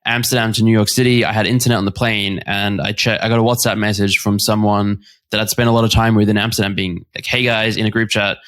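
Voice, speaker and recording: A man's voice: lowish voice, little pitch movement, fast, a bit bright. A man co-hosting a podcast in casual chat, rambling with restarts and laughing often. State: recovering from covid. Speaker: podcast co-host.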